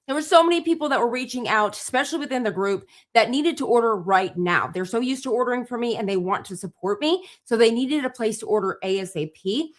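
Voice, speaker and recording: A woman's voice: on the high side, a bit bright. Bubbly woman hosting a live stream. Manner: bubbly, gushing, talks straight to viewers. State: tired from little sleep. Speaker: livestream host and small business owner. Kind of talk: casual live stream chat.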